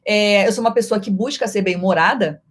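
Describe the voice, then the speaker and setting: A middle-aged Brazilian woman, a voice actress, answering viewer questions in a playful live-stream chat that often shifts in loudness and speed. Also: medium pitch, fairly quick, breathy edge. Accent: Brazilian Portuguese.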